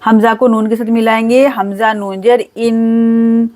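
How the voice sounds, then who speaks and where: A woman teaching Quran recitation step by step, spelling out letters and then reciting each word slowly and drawn out. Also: a little high, level tone, warm tone.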